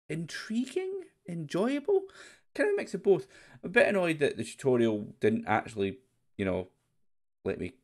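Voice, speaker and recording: Gravelly low-voiced man narrating gameplay. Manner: rambling, thinking aloud, casual swearing. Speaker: game streamer. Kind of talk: casual let's-play commentary.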